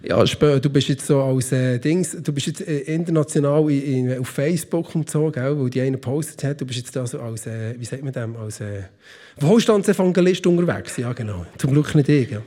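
A man with a Swiss German accent preaching a sermon, speaking directly to his listeners and swinging between loud, emphatic passages and soft ones. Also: medium pitch, brisk.

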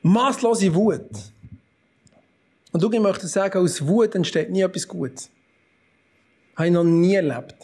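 A man preaching a sermon as pastor with a Swiss German accent, telling the story in a lively, animated way with sudden loud outbursts. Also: high-pitched, measured pace, pauses often, breathy edge.

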